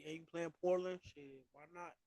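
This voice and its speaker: A man's voice: sits high, expressive, moderate pace, vocal fry, a little mellow, dry recording. A man co-hosting a podcast, talking fantasy basketball picks in loose, slangy, trash-talking chat. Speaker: podcast co-host. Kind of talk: casual sports chat.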